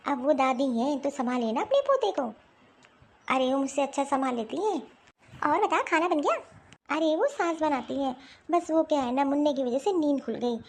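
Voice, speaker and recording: Bossy young daughter-in-law, scolding and dismissive, high voice. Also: female voice, animated, moderate pace. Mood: chatty. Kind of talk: Hindi cartoon dialogue.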